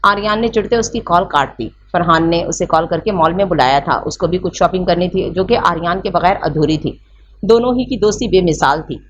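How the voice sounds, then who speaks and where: A woman's voice: fairly low pitch, a little fast. Woman narrating a romance novel. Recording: slightly muffled with faint hiss.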